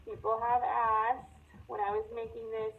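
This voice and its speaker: A woman's voice: fairly high pitch, level tone, normal speed. A woman teacher giving an online class, explaining an assignment emphatically and repeating her warnings. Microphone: video call audio. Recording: tinny online call audio.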